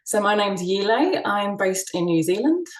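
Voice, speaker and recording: A soft-spoken woman from the United Kingdom, a sound healing practitioner, giving a gentle summit talk with frequent ums and restarts. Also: medium pitch, very animated, normal speed, echoey room, recorded from a distance, low-quality recording. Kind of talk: online summit presentation.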